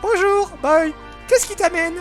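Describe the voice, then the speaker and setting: A man voicing a cocky, boorish young male mercenary in a video game with a loud, swaggering voice. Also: very high-pitched, measured pace, faint music behind, voice pushed up.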